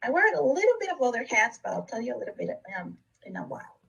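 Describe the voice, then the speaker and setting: A woman presents a recorded webinar in an earnest, steady way. Her voice sits a little high and sounds husky and breathy. She is recorded from a bit back from the microphone. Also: fast, distant mic, lo-fi sound. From Costa Rica. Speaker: district education leader.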